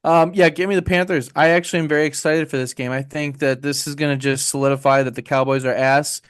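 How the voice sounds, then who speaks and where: A man's voice: a little high, steady tone, clear, resonant tone, no echo, studio quality. A man co-hosting a casual sports betting podcast, joking and bantering. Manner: joking, quick banter, mock auctioneer patter. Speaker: podcast co-host.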